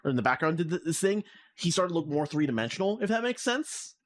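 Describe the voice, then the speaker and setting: A fast-talking man with a voice on the high side and big pitch swings co-hosts a casual podcast. His rant is exasperated and rambling, loaded with fillers, and it comes through his mic on an online call.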